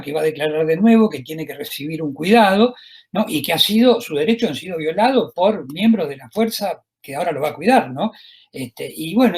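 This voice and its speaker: A husky, slightly high-pitched man with an Argentine accent delivers a university lecture. He talks in a discursive way, stopping often on filler words and checking in with his listeners through tag questions. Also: darkish tone. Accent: Argentine Spanish. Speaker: law professor lecturing.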